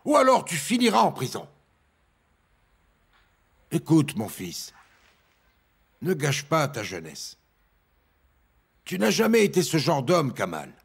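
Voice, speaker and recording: A man's voice: fairly high pitch, huge pitch swings, slow pace, gravelly, pauses often, slightly rough, heavily acted. An actor dubbing a middle-aged father who pleads insistently with his son, repeating his commands. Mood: pleading. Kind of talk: dubbed TV drama acting.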